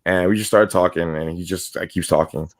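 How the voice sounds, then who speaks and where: Low-voiced profane New storyteller. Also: male voice, fairly quick. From New York. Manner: profane, rambling, animated storyteller. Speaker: podcast co-host. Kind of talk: casual storytelling chat.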